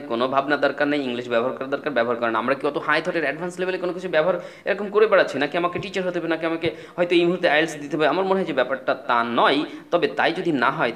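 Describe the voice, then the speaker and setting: A man's voice: a little high, a bit bright. A man teaching spoken English, patiently explaining and repeating words and spellings.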